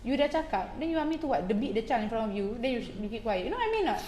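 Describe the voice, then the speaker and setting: A woman's voice: on the high side, big pitch swings, very fast, dark tone. A woman with a Singaporean accent in casual, emphatic chat, switching between English and Malay slang with colloquial particles. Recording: roomy echo, faint background noise.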